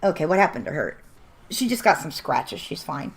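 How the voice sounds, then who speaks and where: A woman's voice: low-pitched, very animated, normal speed. A woman chatting casually and bluntly while streaming a game, laughing often and starting to lose her voice. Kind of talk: casual livestream chat while gaming.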